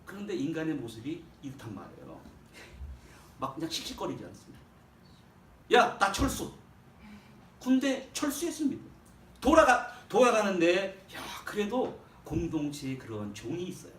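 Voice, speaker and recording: A man's voice: huge pitch swings, brisk. A man preaching a sermon, emphatic, swinging his voice up and down to drive points home. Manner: emphatic preaching with sharp swings in pitch and volume. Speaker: pastor. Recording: roomy echo, voice from a distance, faint background hum.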